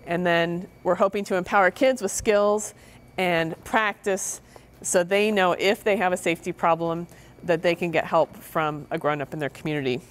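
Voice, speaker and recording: A woman's voice: on the low side, steady tone, normal speed. A middle-aged woman giving a public lecture to parents on child safety, earnest and stressing key words by repeating them. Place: meeting room with audience.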